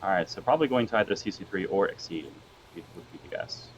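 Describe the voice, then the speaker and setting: Quick talking guy breaking down card game plays, kinda low voice, muffled lo-fi internet audio. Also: expressive, a little hiss or hum. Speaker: co-caster. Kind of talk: casual game commentary. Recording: dull lo-fi sound from a weak connection.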